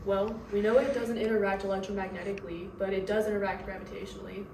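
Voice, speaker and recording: A woman's voice: mid-range voice, fairly even intonation, quick pace. A woman explaining physics as a student in a skit. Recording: echoey room, distant mic, clear noise.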